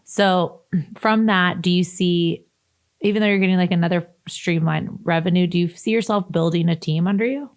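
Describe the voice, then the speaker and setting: A woman hosts a casual podcast interview, her voice sitting a little low. She asks loose, winding questions full of "um" and "like," and keeps the talk friendly. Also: fairly even intonation, normal speed. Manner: friendly, rambling questions with fillers. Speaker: podcast host.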